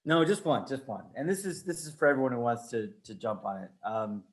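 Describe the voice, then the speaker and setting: Guy asking the panel a question, kinda careful, restarts a lot, normal pitch. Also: expressive, brisk. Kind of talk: webinar panel discussion.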